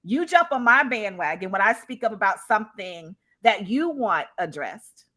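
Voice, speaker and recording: Her voice sits in the mid range, sing-song and bright, with a forceful tone at a normal speed. Appearing as a guest on a live online video call, she talks conversationally and emphatically about her experience, frequently checking in with the others.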